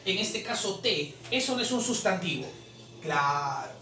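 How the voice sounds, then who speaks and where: Brief: man teaching, slow repetitions, bright tone, faint background noise. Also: sits high, very animated. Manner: drawn-out repetition of syllables, explanatory. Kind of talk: exam solution lesson. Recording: roomy, distant mic, faint noise.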